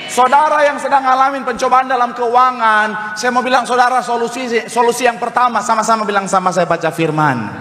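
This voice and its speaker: A male pastor preaches in a high, bright voice, joking and calling for responses from the congregation. His voice rings through a large, reverberant church hall over a steady bed of room ambience. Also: fairly quick, slight background noise. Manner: playful, calls for audience responses. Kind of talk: lively, humorous sermon.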